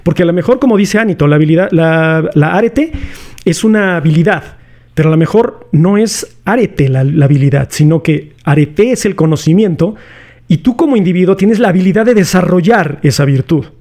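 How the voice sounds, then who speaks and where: Mellow Mexican man explaining philosophy. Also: sits high, expressive, a little fast. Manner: chatty, slangy, poses rhetorical questions to viewers. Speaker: philosophy video host. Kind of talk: casual explanatory lecture.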